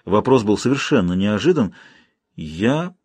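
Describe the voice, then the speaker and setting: A man narrates a literary novel in a measured, expressive way. His voice is husky, at an average pitch for a man. The recording is dry and close, with no room sound. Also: no room sound. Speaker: audiobook narrator.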